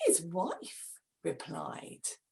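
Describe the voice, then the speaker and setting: A woman reading a rhyming story aloud in a dramatic, expressive way. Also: fairly low pitch, very slow, vocal fry.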